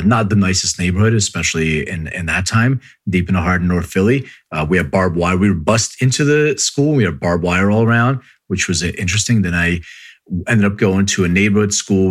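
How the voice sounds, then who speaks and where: A man's voice: low-pitched, animated, a little fast. A man from Philadelphia hosting a casual interview, rambling with many restarts and frequent laughs. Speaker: podcast host.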